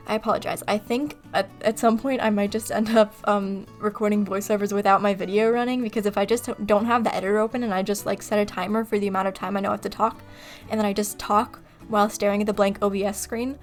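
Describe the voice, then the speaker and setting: A woman from California, chatting casually in a voice-over, rambling and laughing at herself as she talks. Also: medium pitch. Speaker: video creator. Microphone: desktop mic on computer recording software.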